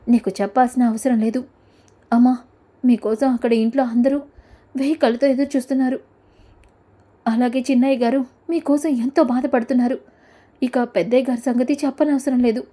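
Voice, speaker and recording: A woman's voice: fairly high pitch, steady tone, a little fast, pauses often, mellow, lightly acted. A woman voicing a brave pleading daughter. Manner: pleading, then crying out.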